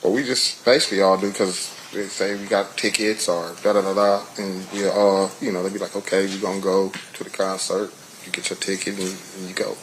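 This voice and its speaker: A middle-aged American man giving witness testimony in a casual, colloquial way, halting and often saying "you know". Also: low voice, flat delivery, fairly bright tone, a little hiss or hum, low-quality recording. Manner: hesitant, halting, peppered with 'you know'.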